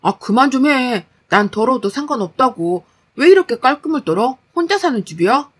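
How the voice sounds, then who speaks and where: A woman's voice: high voice, big pitch swings, normal speed, breathy edge, exaggerated voice. A woman voicing a lazy, defensive young husband who sounds whiny, dismissive and irritable. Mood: irritated. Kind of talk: storytelling dialogue.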